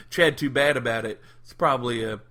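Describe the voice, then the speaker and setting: A man hosting a casual wrestling podcast, upbeat and jokey with quick asides. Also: mid-range voice, huge pitch swings, sharp tone. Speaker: podcast host and critic.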